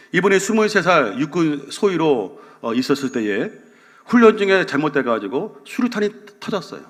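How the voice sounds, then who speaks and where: A male senior pastor with a Gyeongsang Korean accent preaching a sermon, telling a story with lively questions to the congregation. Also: mid-range voice. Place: church sanctuary. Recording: reverberant church hall.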